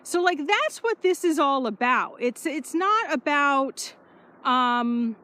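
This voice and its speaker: A woman speaking as a spiritual life coach in a casual walking vlog, energetic and repetitive, swearing offhandedly. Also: high-pitched, takes it slowly. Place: outdoors, power walking.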